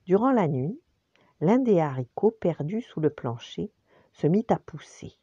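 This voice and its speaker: An older woman, a grandmother, telling a bedtime story gently and expressively, sometimes dropping to a whisper. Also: lowish voice, sing-song, measured pace, breathy edge, no room sound, dull audio.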